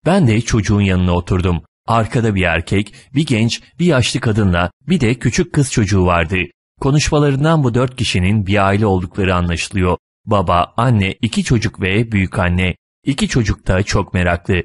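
A man reading a humorous short story aloud as narrator, in a lively, animated manner. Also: lowish voice, normal speed, dry recording.

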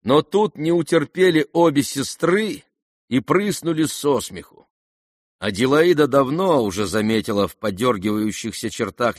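Man reading a novel aloud, lively pitch, dry close sound. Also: no echo. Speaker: narrator. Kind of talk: audiobook narration.

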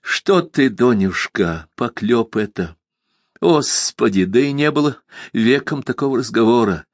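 A man's voice: mid-range voice, animated, a little slow, no room sound. A man reading an audiobook, voicing a tearful young village woman who pleads and cries out. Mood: anguished. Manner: pleading, sobbing, rising to cries.

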